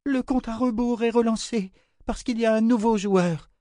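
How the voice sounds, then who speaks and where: A man voicing a crazed, terrified sorceress who mutters and repeats herself in a high sing-song. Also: fairly even intonation, normal speed, dark tone, dry recording, studio quality. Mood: shrieking.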